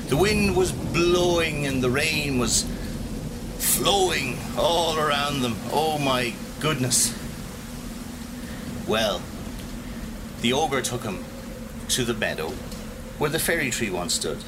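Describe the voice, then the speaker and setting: A man with an Irish accent telling a folk tale, lively and dramatic, rising for suspense. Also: medium pitch. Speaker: storyteller. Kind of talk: spoken folk tale for listeners.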